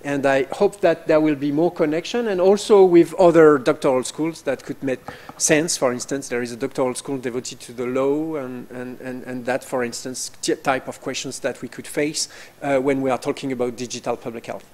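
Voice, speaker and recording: A man with as his presenting a doctoral program at an information session, halting with frequent fillers. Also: medium pitch, steady tone, a little mellow. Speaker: program director.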